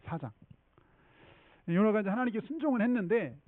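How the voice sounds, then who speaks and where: A male pastor tells a sermon story in a chatty way and keeps checking in with his listeners. His voice sits high and moves a lot. The recording is thin, phone-like and dry. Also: big pitch swings, brisk, no room sound. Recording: tinny phone-like dry sound.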